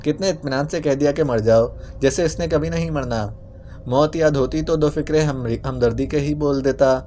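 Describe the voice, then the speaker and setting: A man's voice: a little high, slight background noise, lightly acted. A man doing a scolding hot-tempered woman agent. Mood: exasperated. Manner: sharp, scolding.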